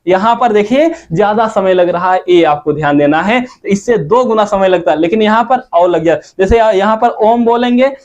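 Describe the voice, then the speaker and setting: High-voiced male teacher explaining grammar. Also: a little mellow. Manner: asks questions and answers them himself, drawn-out sung examples. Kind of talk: classroom grammar lesson. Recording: dull lo-fi recording.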